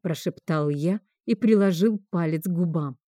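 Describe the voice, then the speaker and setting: Female audiobook narrator, low and mellow, somber delivery, dry close mic. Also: normal speed, husky, no room sound. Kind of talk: first-person audiobook narration.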